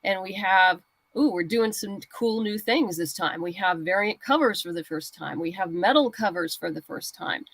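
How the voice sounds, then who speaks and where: Recorded with poor quality and no room sound, this woman talks at a normal speed in a medium-pitched, slightly bright voice. As a guest writer and comic creator, she offers practical, conversational advice during a casual interview about crowdfunding.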